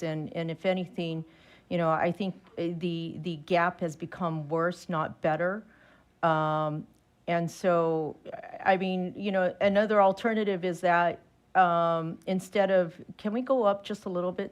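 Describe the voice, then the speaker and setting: A woman's voice: lowish voice, steady tone, unhurried. A woman commissioner thinking aloud in a public meeting debate over a video call, hesitant and full of fillers. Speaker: redistricting commissioner.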